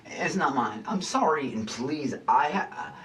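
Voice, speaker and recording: A man's voice: mid-range voice, lively intonation, measured pace, fairly bright tone, roomy sound, far from the mic, rough recording. A man in a reality show, apologizing in a flustered, rambling way, full of restarts and stumbles. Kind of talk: emotional apology conversation.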